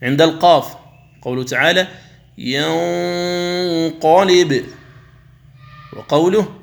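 This male Quran recitation teacher speaks in a somewhat high, expressive, slightly bright voice. He goes through every rule slowly and carefully, chants the examples in long drawn-out recitation, and occasionally compares an incorrect reading with the proper one.

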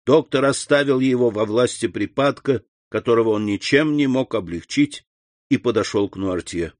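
A man narrating a classic novel in an even, steady storytelling voice. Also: medium pitch, moderate pace, no echo. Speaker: audiobook narrator.

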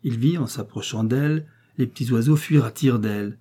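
A man reads a classic tale in an expressive, measured way. His voice is husky and dark, with a mellow, relaxed tone. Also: mid-range voice. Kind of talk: scripted story narration.

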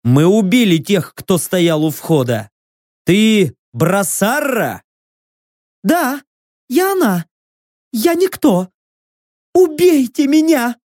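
A woman voicing a calm, curt male warrior leader. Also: medium pitch, slow, pauses often, no echo, studio quality, pitched above the performer's own voice.

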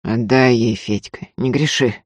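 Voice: medium pitch, animated, moderate pace, dry recording, natural voice. A reader voicing an older male robber who gives curt, muffled orders. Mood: grim. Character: older male robber, dull-voiced and grim.

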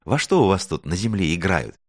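A man's voice: low voice, very animated, fairly quick, no room sound, studio quality. A man voicing a curious, brave little girl star in a storybook, eager and chirpy. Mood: spirited. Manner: eager, chirpy, sometimes shouting. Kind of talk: storybook reading.

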